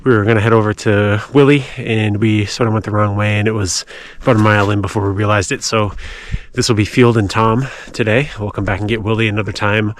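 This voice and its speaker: A man giving casual, halting trail narration as a hiking vlogger, outdoors on a snowy mountain. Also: fairly low pitch, steady tone. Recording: clearly noisy outdoor recording with clicks.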